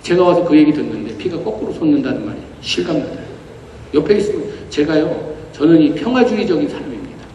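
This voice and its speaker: A male pastor preaching a sermon, telling a personal story in an animated way with bursts of laughter. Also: fairly high pitch, fast talker, muffled recording, a little hiss or hum. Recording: echoey hall, distant mic, faint ambience.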